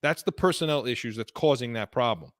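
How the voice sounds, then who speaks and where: A man's voice: medium pitch, a little fast, dry recording, studio quality. A man co-hosting a sports podcast, talking heatedly about football and breaking off and restarting his sentences, his voice worn from illness. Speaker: podcast co-host.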